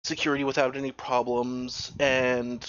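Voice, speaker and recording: Brief: male game master, relaxed chatty narration, dull dry home-mic sound. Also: mid-range voice, normal speed, no echo. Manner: loose, chatty narration with many fillers.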